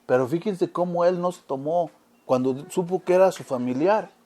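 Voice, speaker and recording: Male preacher, high voice, peppers his sermon with rhetorical questions. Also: moderate pace, mellow. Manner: asks listeners frequent rhetorical questions.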